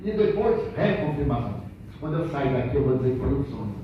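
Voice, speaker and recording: A man gives a storytelling religious lecture at a spiritist center. He is animated and acts out the dialogue in the first person. The sound is distant and lo-fi, in an echoey hall. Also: mid-range voice, fast, a little hiss or hum.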